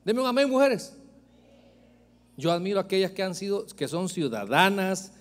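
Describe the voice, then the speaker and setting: Pastor guy preaching, high voice, jokey and punchy, long church echo. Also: expressive, moderate pace. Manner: emphatic, joking preaching that addresses the congregation directly. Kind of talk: sermon. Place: church sanctuary.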